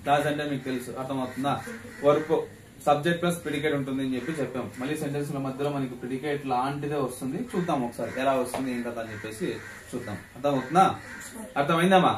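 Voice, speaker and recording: A man's voice: medium pitch, racing. A man teaching English grammar to a class, asking questions and repeating the key terms for students to echo back. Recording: echoey classroom, mic at a distance, faint noise.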